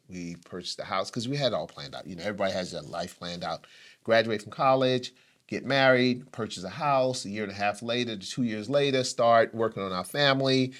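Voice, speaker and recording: Middle-aged man telling an emotional story. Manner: emotional, rises in pitch when retelling intense moments. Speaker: co-host. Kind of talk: personal storytelling.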